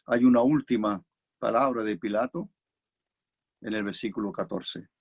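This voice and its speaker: Chilean male preacher, husky voice, reflective expository sermon, repeats phrases for weight. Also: fairly low pitch, normal speed. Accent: Chilean Spanish.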